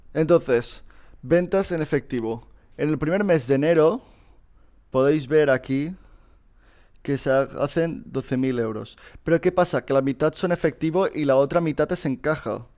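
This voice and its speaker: Walking students through a past exam on a casual screen recording, this man speaks on the high side at a moderate pace, a little mellow and clean. He's chatty and informal, addressing them directly and often restarting or saying "eh."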